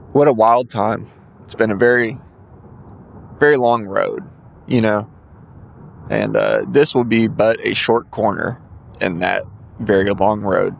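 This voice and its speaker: Creaky and on the low side, this man's voice carries a casual solo podcast monologue. He's in his 20s, drowsy and yawning, and rambles with a lot of ums; slight background noise is present.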